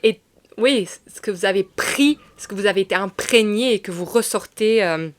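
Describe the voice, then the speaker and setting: A woman giving a casual spiritual tarot reading, speaking softly and sometimes dropping to a whisper, then rising with bursts of excitement. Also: medium pitch, normal speed. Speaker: tarot card reader and medium.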